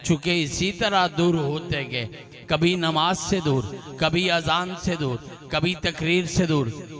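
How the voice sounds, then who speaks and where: A man's voice: on the high side, takes it slowly. A man preaching an impassioned religious sermon at a public gathering, building rhythmic repeated refrains that rise into fervent bursts. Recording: crowd noise at a public gathering.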